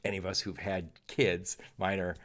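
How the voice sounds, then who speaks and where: A man's voice: deep voice, little pitch movement, moderate pace, fairly bright tone. A middle-aged man hosting a podcast interview, chatty and joking, with lots of fillers and restarts. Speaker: podcast host. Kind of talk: casual interview chat.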